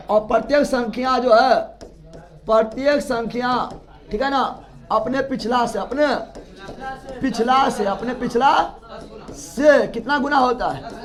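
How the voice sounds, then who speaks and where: A man teaches a class, speaking in a very high voice. He repeats each key word again and again and quizzes his students in loud call-and-response. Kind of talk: classroom lecture.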